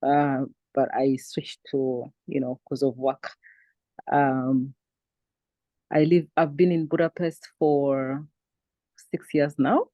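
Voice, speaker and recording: A woman from Uganda calmly introducing herself at an online meeting. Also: a bass voice, takes it slowly, long pauses, dry recording. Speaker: meeting participant.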